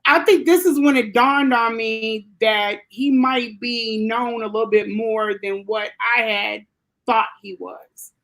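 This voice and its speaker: A woman's voice: on the high side, measured pace, fairly bright tone. A woman who grew up in Germany, telling a personal story as an interview guest, rambling with many fillers and restarts.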